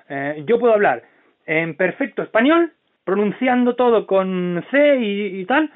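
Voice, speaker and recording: Animated blunt man on a tinny line. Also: high-pitched. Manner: blunt, profane, animated storyteller. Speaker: podcast host. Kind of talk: casual podcast chat. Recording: tinny phone-like sound.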